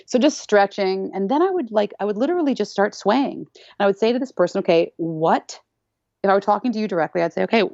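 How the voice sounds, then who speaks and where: A woman dance teacher talking in a podcast interview, animated and playful, acting out little voices and laughing often. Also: medium pitch, fast, gravelly, dry recording. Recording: dull lo-fi sound.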